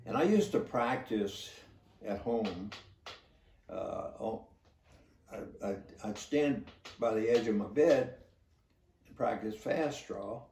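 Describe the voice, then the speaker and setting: An older man, a former police officer, telling a story in a halting, plainspoken way. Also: fairly low pitch, lively intonation, a little mellow, a little hiss or hum. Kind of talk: casual spoken storytelling. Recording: roomy echo, distant from the mic.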